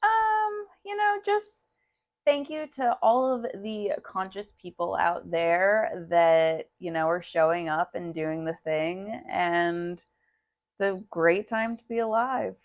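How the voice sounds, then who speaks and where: A woman farm owner talking as a guest in a casual interview, relaxed and earnest. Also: mid-range voice, slow pace, muffled recording.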